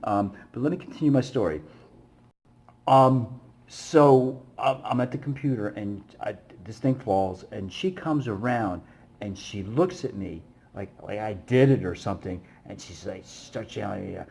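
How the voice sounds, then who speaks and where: A man's voice: fairly low pitch, moderate pace, gravelly, husky. A man, a busking musician, telling stories casually to camera in a rambling way with many fillers. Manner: rambling, many fillers, animated when retelling.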